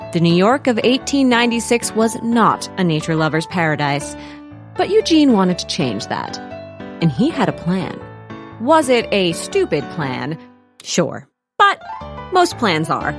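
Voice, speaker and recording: With a natural, mid-range voice, a woman narrates a comic audio drama as a whimsical narrator who keeps wandering off on tangents. Her scripted storybook delivery is wry and theatrical.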